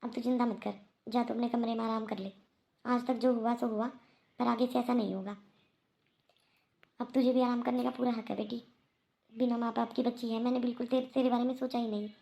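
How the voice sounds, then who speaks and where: A woman's voice: on the high side, flat delivery, a little fast, creaky, pauses often, dark tone. A woman voicing a middle-aged mother-in-law in a cartoon, remorseful and kindly, who reassures and repeats herself. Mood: reassuring. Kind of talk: Hindi cartoon voice acting.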